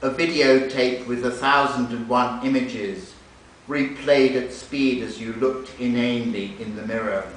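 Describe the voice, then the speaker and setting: In a library event room, a man translating literature presents a novel excerpt and reads it aloud to a live audience, his mid-range voice a little bright. A recorder set far from him yields echoey, hissy audio.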